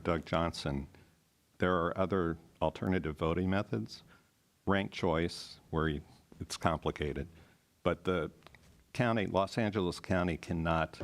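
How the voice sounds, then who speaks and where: Deep-voiced American man explaining plainly. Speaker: meeting participant addressing the chair. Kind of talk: informal explanation in a public meeting.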